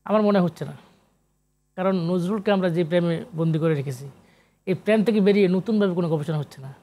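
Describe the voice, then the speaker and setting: Speaking fast in a high, mellow voice, a Bangladeshi professor and literary researcher takes part as a guest in an animated TV interview. He explains emphatically, lecture-style, mixing in English academic terms.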